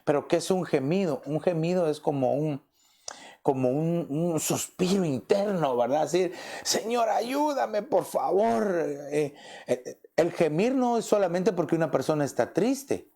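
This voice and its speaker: A man's voice: fairly high pitch, animated, normal speed, dark tone. A man, a pastor, preaching a conversational sermon and often tossing in rhetorical questions. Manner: asks rhetorical questions, often adds "¿verdad?".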